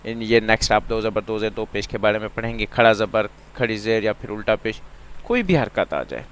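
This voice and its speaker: A man's voice: on the low side, expressive, brisk, a bit bright. A man teaching Quran letter sounds in a patient lesson, repeating each sound and checking understanding, with some English phrases mixed in. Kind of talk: slow step-by-step lesson.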